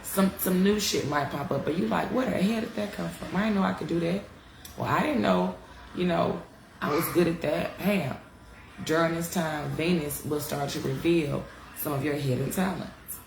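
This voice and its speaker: Speaking at a moderate pace in a lowish, gravelly voice, an astrology teacher streams a casual talk through her device mic from an echoey room with a noisy background. She sounds congested and is chatty and frank, cursing freely and calling everyone y'all.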